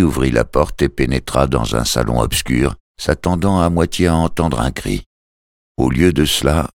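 Brief: audiobook narrator, man, extremely low gravelly voice, dry close sound. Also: no room sound. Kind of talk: scripted narration.

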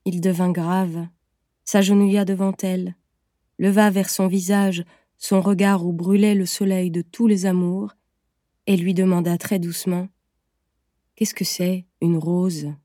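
A woman reading a story aloud in a measured, gentle storytelling manner. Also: lowish voice, flat delivery, no echo, clean studio sound. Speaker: narrator. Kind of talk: scripted audiobook narration.

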